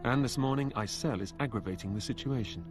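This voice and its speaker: A man narrates a documentary in a measured, scripted voice at a middle pitch. Loud music plays under his words throughout.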